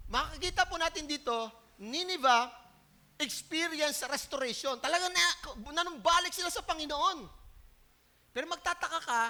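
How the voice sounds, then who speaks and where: A Filipino pastor preaching to his congregation with lively energy. His voice sits very high and sounds bright and sharp. He moves between reading scripture and explaining it in a conversational way. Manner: animated preaching, mixing English Bible reading with Tagalog explanation; acts out indignant quotes in a raised, whiny voice. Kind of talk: sermon.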